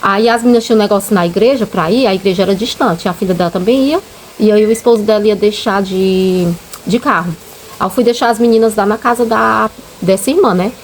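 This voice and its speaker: A woman's voice: medium pitch, fairly quick, slight background noise. A Brazilian woman with a Brazilian Portuguese accent and children of her own, earnestly and emotionally telling viewers her religious testimony in a casual storytelling way. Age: adult with children. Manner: emotional, earnest, often says "gente" to the viewers. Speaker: channel host sharing a faith testimony.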